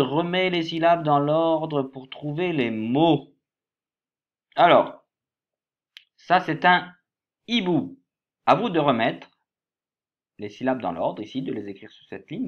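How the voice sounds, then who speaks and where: Guy teaching little kids from a workbook, spells stuff out slow, bit muffled lo-fi sound. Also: medium pitch. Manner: slow, spells words letter by letter and stresses each syllable. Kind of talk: remote workbook lesson for young pupils.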